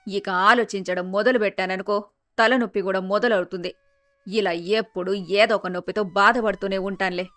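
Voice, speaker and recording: A woman's voice: medium pitch, steady tone, normal speed, a bit bright, no echo, natural voice. A woman voicing a middle-aged mother in a cartoon story, teasing and scolding her son in a down-to-earth manner.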